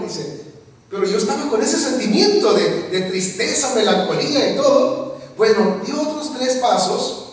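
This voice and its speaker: A man preaching a sermon, his voice pitched high as it moves between hushed storytelling and emphatic declarations. He is heard from a distance in a church sanctuary, and a long, roomy echo trails each phrase. The sound is that of a congregation recording made from the back of the hall. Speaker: pastor. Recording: echoey church hall, mic from far off.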